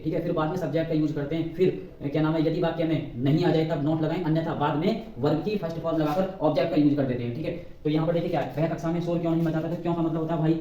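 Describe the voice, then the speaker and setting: A male English grammar teacher with a Hindi accent who explains rules at a board. He keeps saying "ठीक है" and slows right down to dictate example sentences. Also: a little high, warm tone, distant mic. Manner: repeats "ठीक है" constantly, dictates sentences slowly. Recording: roomy, off-mic, faint background noise.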